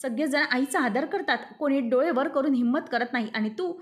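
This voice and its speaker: A woman reads out a hot-tempered young man from a serial recap, scolding hard. Her voice stays high, close to a plain reading. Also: fairly quick, natural voice. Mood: angry.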